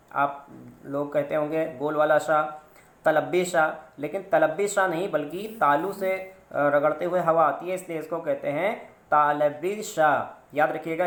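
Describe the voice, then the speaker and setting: A man teaching a grammar lesson, explaining slowly and repeating sounds and terms with stress. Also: a little high, fairly bright tone. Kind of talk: classroom-style grammar lesson. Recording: echoey room.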